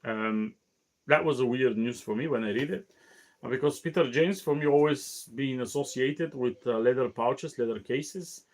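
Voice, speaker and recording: Halting, tired man hosting a cigar show. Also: medium pitch. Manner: halting, many fillers and restarts. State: tired, yawning. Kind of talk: casual solo talk show.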